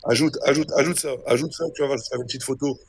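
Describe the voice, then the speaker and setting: A man's voice: medium pitch, steady tone, quick pace, vocal fry, husky. A young man streaming a role-play game, casually mocking and insulting another player in a taunting way. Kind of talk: casual trash talk on stream.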